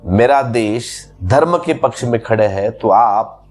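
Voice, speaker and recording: A man's voice: mid-range voice, lively intonation, slow, a little mellow, faint music behind. A man giving a spiritual discourse as a teacher, explaining patiently through repeated everyday examples.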